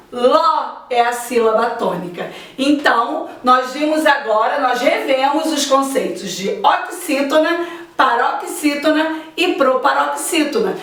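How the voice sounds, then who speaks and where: A woman teacher gives a slow, deliberate grammar lesson and stretches out her example words. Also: high voice, fairly bright tone, far from the mic. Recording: echoey room, voice off-mic.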